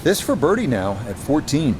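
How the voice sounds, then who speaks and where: A man as a composed golf commentator in a video game, giving measured broadcast play-by-play. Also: fairly high pitch, huge pitch swings, noisy background. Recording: loud music and crowd behind. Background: music and crowd.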